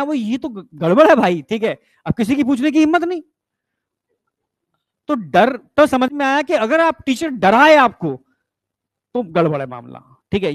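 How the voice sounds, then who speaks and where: A man with a very high voice lectures a biology class, keeps checking that the students follow, and slips English science terms into his Hindi. The sound is dry and close, with no room echo. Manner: coaxing, keeps asking if students understood. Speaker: biology teacher.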